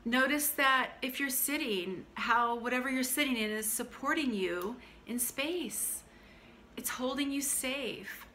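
A middle-aged woman coach giving a calm, soothing guided grounding exercise to camera, in measured instructions. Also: high voice, a little hiss or hum. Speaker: mental health coach, channel host. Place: small furnished room at home, indoors.

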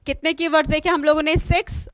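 A woman's voice: high voice, flat delivery, fast talker, no echo. A woman teaching an online exam-prep lesson, spelling words out letter by letter and asking questions she then answers herself. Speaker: English teacher.

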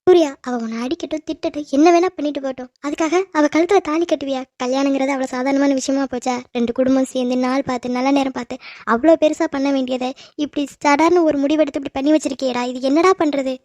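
A woman's voice: sits high, fairly even intonation, quick pace, darkish tone, dry recording, natural voice. A woman voicing a middle-aged mother who scolds her son in a cartoon drama, in a reproachful, pleading way.

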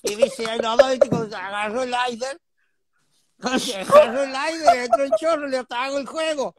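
A man telling a rambling, improvised comic story, laughing and breaking into shouted gibberish quotes. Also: very high-pitched, expressive, moderate pace, crowd noise. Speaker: comedian playing a Titanic historian. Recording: noisy background hiss.

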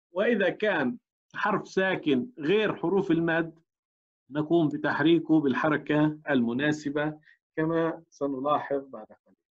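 A man's voice: fairly high pitch, husky. Man teaching, dull lo-fi sound. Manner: explains step by step, asks the class rhetorical checks. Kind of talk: recorded tajweed lesson.

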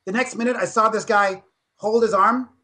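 Man, 50s, high voice, energetic storyteller, podcast guest. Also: normal speed. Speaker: dentist and fitness speaker. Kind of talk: podcast interview.

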